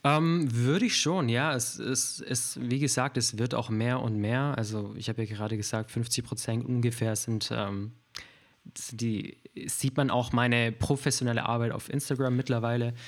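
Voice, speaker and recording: A man from Germany chatting as a guest on a casual podcast, his voice sitting at an ordinary middle pitch. He hesitates often, backing up and restarting his sentences as he explains his work. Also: fairly even intonation, moderate pace. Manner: hesitant, many fillers and restarts.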